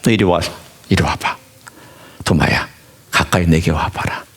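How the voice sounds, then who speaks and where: A man preaching who voices a gentle, patient male Jesus coaxing a doubting follower in a soft, lowered voice. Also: a little slow, slightly rough, exaggerated voice. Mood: gently coaxing.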